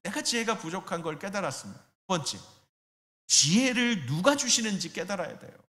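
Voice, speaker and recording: A man's voice: high-pitched, big pitch swings, brisk, bright, forceful tone, big-room sound. A middle-aged male pastor preaching a sermon in a church, asking his listeners questions and acting out quoted voices. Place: church sanctuary.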